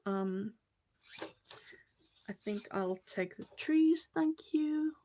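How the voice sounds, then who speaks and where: In a rough recording, a Finnish woman speaks very slowly in a mellow, animated, medium-pitched voice with a Finnish accent. She's crafting cards on a live stream, chatting casually with viewers and hunting for words now and then, while her tools click in the background.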